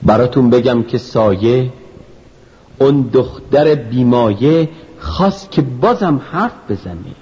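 Lively man narrating a rhyming tale. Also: medium pitch. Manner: lively storytelling in verse. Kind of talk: rhymed storybook narration. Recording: dull lo-fi recording, faint music.

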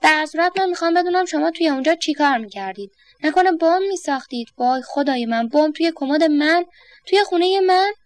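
Storybook: fussy exasperated man, read by a woman, high-pitched, dry close read. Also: expressive, no room sound. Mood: outraged. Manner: exasperated, sarcastic complaining. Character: flustered middle-aged man alone at home.

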